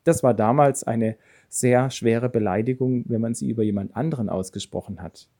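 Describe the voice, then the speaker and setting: Devotional speaker, male, warm and slightly husky, earnest Bible storyteller. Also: mid-range voice, normal speed. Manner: earnest storytelling, reads scripture then comments. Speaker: preacher. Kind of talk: devotional Bible reading and reflection.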